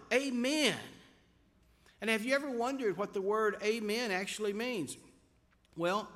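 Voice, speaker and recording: A man preaching a sermon as pastor, slow and emphatic, drawing out key words. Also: high-pitched, a bit bright, in a large hall.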